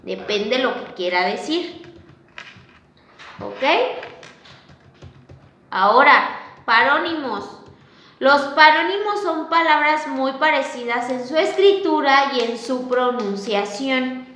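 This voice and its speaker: A woman teacher giving a class, talking slowly and deliberately, drawing out example words and asking "ok?" again and again to check that students follow. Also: high-pitched, expressive, fairly bright tone, echoey room. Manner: slow and deliberate, checks understanding with a frequent questioning "¿ok?". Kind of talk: online class lecture.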